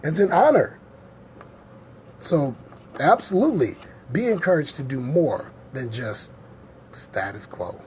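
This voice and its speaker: A man's voice: on the high side, very animated, a little slow, long pauses, darkish tone, a little hiss or hum. A man hosting a casual scripture teaching show, rambling and emphatic, often repeating his points.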